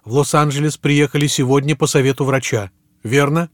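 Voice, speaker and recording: A man voicing a harsh-voiced fortune-telling robot that speaks slowly and in clipped, measured phrases. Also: medium pitch, fairly even intonation, no echo, clean studio sound, lightly acted. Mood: cold.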